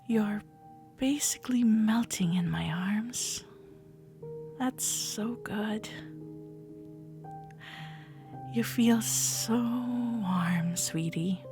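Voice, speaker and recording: An actress plays a tender, gently teasing cuddle-club woman in comfort roleplay audio, soothing and attentive. Her mid-range voice is soft and breathy at a leisurely pace, often slipping into a breathy whisper. The cozy, sleepy mood is set by soft cafe jazz playing underneath.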